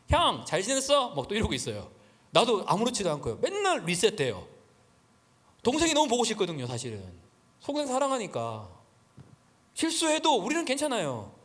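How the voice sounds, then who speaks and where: A middle-aged man preaching a sermon as pastor, telling stories in a lively way with many fillers. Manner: animated storytelling, frequent fillers, rapid pitch swings. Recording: long hall reverb.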